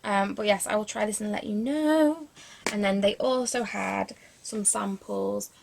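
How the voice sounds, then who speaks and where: A woman's voice: mid-range voice, measured pace, gravelly, darkish tone, a little hiss or hum. A young woman in her twenties, chatting casually through a beauty product review, rambling with lots of fillers and self-deprecating asides. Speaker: beauty vlogger.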